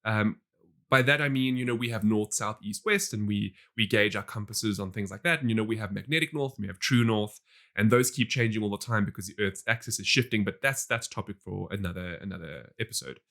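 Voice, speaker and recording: Animated laughing male podcast co-host. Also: fairly low pitch, a little fast, vocal fry. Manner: animated, laughs often, many restarts and fillers. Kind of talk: casual chat.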